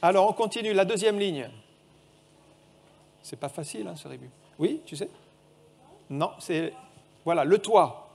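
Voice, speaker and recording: A man's voice: sits high, animated, a little slow, gravelly, long pauses, darkish tone, husky. A man preaching a sermon in a church, reading scripture aloud and quizzing the children with a picture puzzle.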